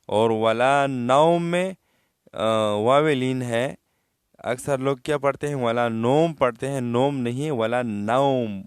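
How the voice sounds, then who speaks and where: A man teaching Quran recitation rules, explaining patiently and then drawing out the words slowly to show how they should sound. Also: medium pitch, smooth, dry recording, studio quality.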